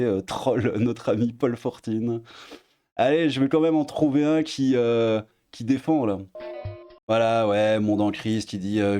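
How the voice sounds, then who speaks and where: A man giving casual online commentary as he reads posts aloud, sarcastic, often trailing off into low mutters. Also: warm tone.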